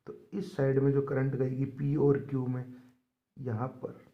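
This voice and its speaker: A man's voice: mid-range voice, level tone, a little slow, narrow, tinny audio. A man teaching a physics lesson for board exams, calling his students kids and slipping English terms into his explanations. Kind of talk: board exam tutorial.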